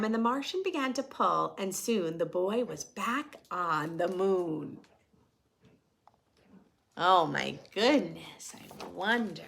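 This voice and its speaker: Reading a picture book for preschoolers, a woman hosts in a lively voice that ranges widely in pitch and has a bit of creak. She switches between expressive narration and chatty questions aimed at the young listeners.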